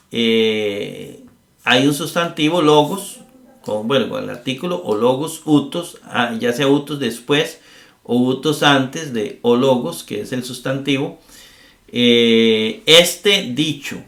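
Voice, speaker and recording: A middle-aged man gives a recorded grammar lecture in a roomy, echoing space. His voice sits at an ordinary pitch, and he talks patiently, filling pauses with "eh" and checking in with tag questions. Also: a bit bright. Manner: explains slowly with many "eh" fillers and tag questions. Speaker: Greek grammar teacher.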